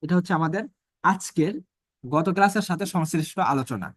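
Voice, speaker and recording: A man teaching an online Arabic grammar class, asking himself rhetorical questions and reading Arabic phrases slowly. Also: fairly high pitch, lively intonation, no echo, studio quality.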